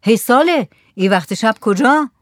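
A woman's voice: fairly high pitch, lively intonation, dry recording, clean studio sound, close to an everyday voice. Lady doing a blunt curt young village guy in a story.

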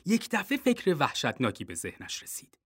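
A man reading a children's storybook aloud, expressive and dropping low for suspense. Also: husky. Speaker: narrator.

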